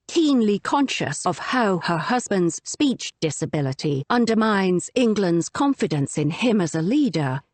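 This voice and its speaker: A woman reading a nonfiction audiobook aloud in a measured, articulate scripted narration. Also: medium pitch, darkish tone, dry recording.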